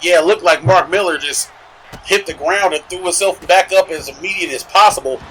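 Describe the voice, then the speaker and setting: A man adding color commentary to a wrestling match in a bright, forceful voice that sits a little high. He analyses strategy and tactics rather than just calling moves. Faint noise lingers behind him. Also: fairly quick, rough recording. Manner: analytical, breaks down the action. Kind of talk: live sports commentary.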